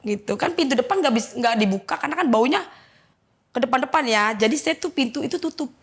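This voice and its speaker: Gravelly, husky woman telling her story. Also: high voice, animated, fast talker. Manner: emotional, vivid retelling that acts out quoted dialogue. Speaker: testimony guest. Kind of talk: personal testimony, storytelling.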